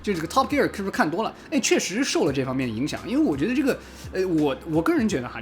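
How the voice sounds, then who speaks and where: A chatty man from China talks through a casual car review vlog at a brisk pace. His voice bounces around a lot in pitch, and it jumps up whenever he imitates someone else's remark. Faint music plays softly underneath. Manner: animated, fast and chatty, mimics commenters in a raised voice, casual swearing.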